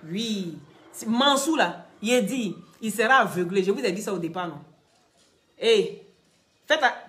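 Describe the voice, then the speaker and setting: A woman's voice: a little high, a bit bright. A woman giving scolding, mocking gossip commentary, speaking straight to the people she criticizes. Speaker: online commentator.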